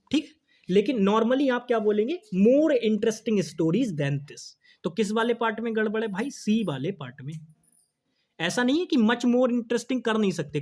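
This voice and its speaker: A man teaching an English grammar lesson for exam prep, explaining in Hindi, asking questions and answering them himself, and reading the example sentences slowly. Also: sits high.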